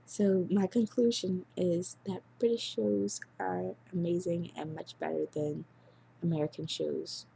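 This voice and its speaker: Gushing young woman with a gravelly voice. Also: on the low side, level tone, unhurried. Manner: giggly, gushing, swings from loud to whispered asides; heavy filler words and swearing. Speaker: vlogger. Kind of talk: rambling casual vlog rant.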